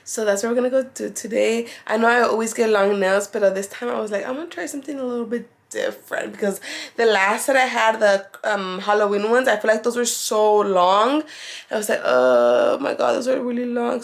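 A young woman vlogging casually, chatty and excitable, switching between Spanish and English. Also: fairly high pitch, a little fast. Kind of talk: casual vlog chat.

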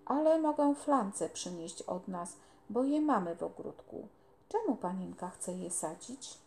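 A woman's voice: mid-range voice, animated, a little slow, gravelly, darkish tone. A woman reading aloud, voicing a cheerful country boy who gardens, with an eager, rustic manner. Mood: friendly.

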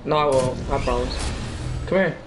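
A man's voice: medium pitch, moderate pace, music in the background. A man chatting casually while playing an online game, teasing his friends and laughing often. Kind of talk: casual gaming chat.

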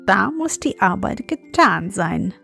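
A woman voicing a grumpy old woman who guards an enchanted castle. She talks unhurriedly and quietly reproachful. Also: mid-range voice, sing-song, slow pace, gravelly, soft background music, heavily acted.

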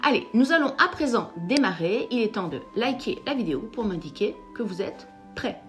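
Lively French woman psychotherapist host. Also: a little high, normal speed, over music. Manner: lively, emphatic, addresses viewers directly. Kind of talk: direct-to-camera explainer talk.

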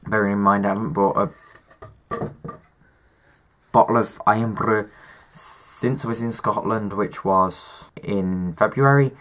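A man's voice: fairly low pitch, slow, pauses often, a bit bright, a little hiss or hum. A young man, sick with a cough and sore throat, chatting casually to camera in a rambling, self-mocking way. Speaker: vlogger. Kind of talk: casual vlog chat.

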